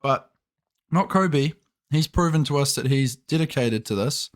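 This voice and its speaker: Dry, deadpan podcast co-host man. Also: medium pitch, measured pace. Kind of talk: casual chat.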